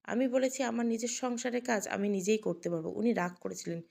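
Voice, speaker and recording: A woman voicing a gentle young wife in an audio story, speaking softly and sweetly as she hides her sadness. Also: fairly high pitch, quick pace, gravelly.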